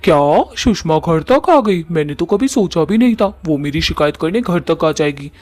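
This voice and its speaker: A man's voice: fairly high pitch, animated, moderate pace, a little mellow, no room sound, natural voice. A man voicing a lovestruck young man pleading with his mother in a cartoon. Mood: eager.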